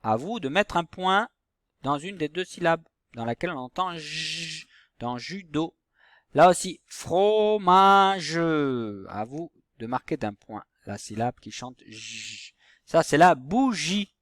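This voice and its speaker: A man teaching a recorded phonics lesson to young pupils, saying each example word slowly and patiently. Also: a little high, fairly bright tone, dry recording, studio quality.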